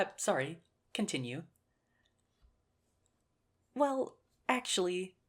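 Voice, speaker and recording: A woman with a medium-pitched voice plays a nerdy, earnest young teacher shyly courting a crush in a conversational ASMR romantic roleplay. She is gently self-mocking and a little hesitant, sounding engaged and amused.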